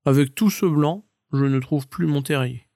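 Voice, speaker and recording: A man's voice: on the high side, normal speed, vocal fry, mellow, no room sound, clean studio sound. A man voicing a small, curious and timid marmot for a children's storybook, speaking in a wondering, shy way.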